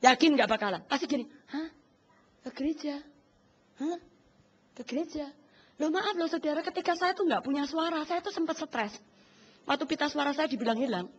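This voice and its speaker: A woman pastor preaching a lively sermon, often calling out to the congregation and acting out voices. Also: sits high, muffled recording. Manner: animated, addresses congregation often, acts out voices.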